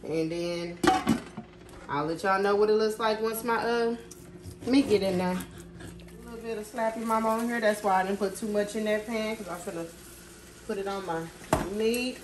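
In an echoey home kitchen where pans sizzle and pots clatter, a woman with a mid-range voice chats at a moderate pace, showing viewers what she's cooking. Her phone films from over the stove, and her relaxed vlog style has her saying y'all.

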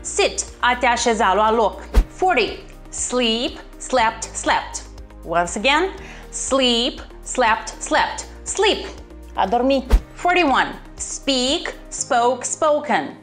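A woman's voice: on the high side, very animated, fairly bright tone, soft background music. Upbeat woman teaching English. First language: Romanian. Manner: upbeat, encouraging, repeats words slowly and clearly. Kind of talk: online language lesson.

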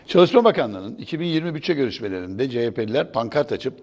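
A man's voice: mid-range voice, very animated, brisk, darkish tone. A man giving sarcastic morning news commentary in a TV studio. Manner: sarcastic, mocking.

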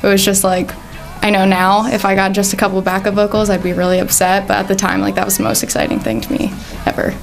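Young woman, 18, vocal fry, even delivery, studio interview, soft music behind. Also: mid-range voice, fast talker. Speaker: music school student, singer. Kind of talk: casual interview answers. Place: indoor studio in front of a backdrop.

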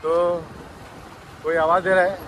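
A man's voice: high-pitched, level tone, a little slow, fairly bright tone, a little hiss or hum. A man chatting to his viewers in a casual family vlog while riding a motorbike. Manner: chatty, keeps addressing viewers. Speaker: family vlogger host. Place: riding a motorbike outdoors in traffic, later at home. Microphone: phone camera held close to the face.

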